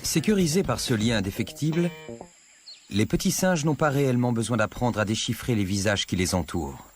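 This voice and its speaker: A male narrator delivers scripted nature documentary narration at a middling pitch. His delivery is measured and explanatory, shaped like storytelling. Music plays clearly behind his voice. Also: expressive.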